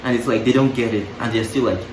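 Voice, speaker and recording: Fast and medium-pitched, a young man vlogs to camera in a casual, reflective monologue, cutting himself off with playful, laughing asides and restarting his thoughts. The sound is roomy, with a distant mic and clear background noise.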